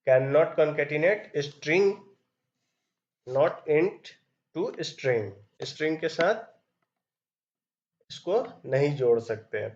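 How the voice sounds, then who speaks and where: A man with a somewhat high voice, its highs cut off in the recording, teaches programming in a screen-recorded coding tutorial. He explains step by step while typing and reads the code aloud.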